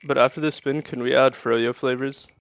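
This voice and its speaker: Smooth-voiced young man co-hosting, teasing. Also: mid-range voice, steady tone, moderate pace. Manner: teasing, goofy banter with swearing. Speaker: podcast co-host. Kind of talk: casual chat.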